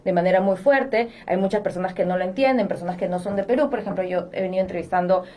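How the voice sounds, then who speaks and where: A woman speaking as a political science guest on a discussion podcast, analytical and lively, with frequent fillers. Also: medium pitch, fast talker. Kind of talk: conversational panel discussion.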